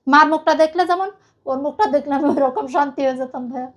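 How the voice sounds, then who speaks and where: A guest recounting her own life, a middle-aged woman with a Bangladeshi accent speaks fast in a high voice. Her account is emotional and earnest, wandering and repeating itself often.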